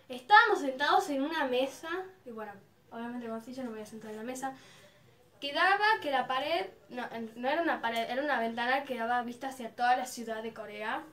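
Bright, high-voiced young woman. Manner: giddy, animated storytelling with squeals and laughs. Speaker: vlogger. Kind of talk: storytime about a dream.

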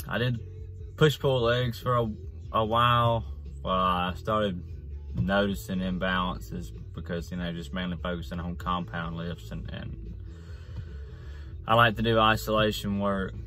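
A man in his forties speaks with a deep, low voice. He sounds like a casual vlogger talking inside a car, rambling along with frequent halts in a plain, folksy way. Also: fairly even intonation, measured pace, pushed and bright, soft background music. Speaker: fitness vlogger. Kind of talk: casual off-the-cuff vlog talk.

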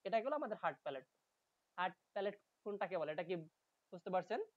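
Guy lecturing online, animated up-and-down voice, keeps asking "okay?", reads english bits slow, dry muffled audio. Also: sits high, no room sound. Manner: explains patiently, checks understanding with frequent "okay?"; reads English textbook lines slowly, then explains them. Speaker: linguistics teacher.

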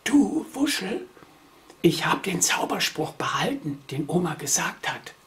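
Wischel, a hushed clever little creature voiced by a man. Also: high-pitched, sing-song, unhurried, pitched above the performer's own voice, exaggerated voice. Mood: secretive, chanting. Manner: hushed, secretive whisper. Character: small clever green-haired creature child. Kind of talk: whispered role-play.

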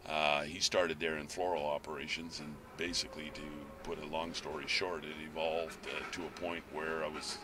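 A middle-aged Canadian man, president of a nursery company, answers interview questions casually, rambling and restarting often. His very deep voice barely moves in pitch, at normal speed with hardly any pauses. The noisy recording starts outdoors on a farm, then moves into a greenhouse, with music in the background.

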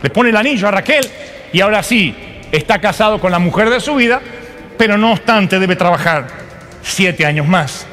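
A male preacher retelling a story with comic timing and playful asides to his listeners. His voice sits high for a man. A long hall reverb trails each phrase of the live sermon. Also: animated, normal speed, pushed and bright.

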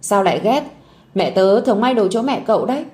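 A woman's voice: mid-range voice, lively intonation, a little fast, dark tone, lightly acted. A woman voicing a brave little schoolboy who acts grown-up and protective, in a storybook audio drama. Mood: earnest. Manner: earnest, grown-up bravado.

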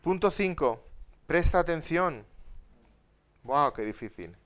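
Man preaching with swings in loudness. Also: fairly high pitch, expressive, slow. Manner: conversational, with tag questions to the audience; swings between soft asides and loud emphatic points. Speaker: pastor. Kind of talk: conference Bible teaching.

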